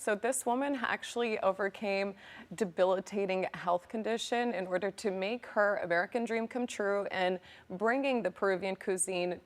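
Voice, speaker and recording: A young woman reporter from California, a guest on a studio talk show, speaking in an enthusiastic, polished way. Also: medium pitch. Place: TV studio set. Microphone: lapel mic.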